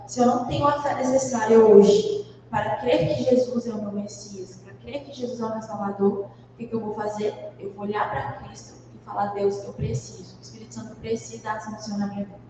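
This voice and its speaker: A woman's voice: on the high side, steady tone, a little fast, a little mellow, a little hiss or hum. A Brazilian woman teaching a church Bible class, talking it through with many fillers and restarts. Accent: Brazilian Portuguese. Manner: conversational, thinks aloud with many fillers and restarts. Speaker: Sunday school teacher. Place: church hall. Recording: echoey church hall, mic far off.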